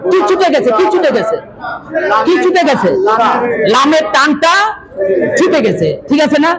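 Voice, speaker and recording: High-voiced man teaching a noisy class. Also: big pitch swings, moderate pace, over a noisy crowd. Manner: drills the class in call-and-response, often raising his voice. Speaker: Quran teacher. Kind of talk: classroom recitation lesson. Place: classroom with students. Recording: loud class and room noise.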